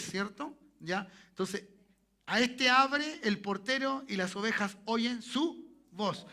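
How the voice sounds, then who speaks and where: A man's voice: sits high, pushed and bright. A Chilean man preaching a sermon as pastor in a church, often asking the congregation for an amen. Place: church sanctuary.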